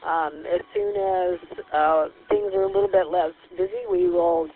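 A woman's voice: mid-range voice, sing-song, measured pace, vocal fry. A woman acting as net control over a walkie-talkie, calling stations by call sign and answering with radio procedure. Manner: procedural radio talk with call signs and "copy that". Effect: heard over a walkie-talkie radio. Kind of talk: radio net check-in chat. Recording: tinny two-way radio with faint hiss.

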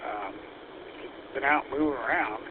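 A man chatting casually over a two-way radio, easygoing and halting, with plenty of fillers. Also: medium pitch. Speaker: radio operator. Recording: tinny radio transmission with faint hiss.

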